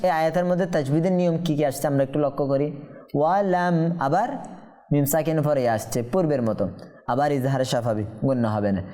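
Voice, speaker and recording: A man teaching tajweed, explaining each rule patiently, checking that listeners follow, and chanting verses slowly. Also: fairly high pitch, mellow. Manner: patient, explains step by step and often checks understanding; draws out Quranic verses in slow melodic chant. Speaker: Quran recitation teacher. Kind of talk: tajweed lesson with chanted recitation.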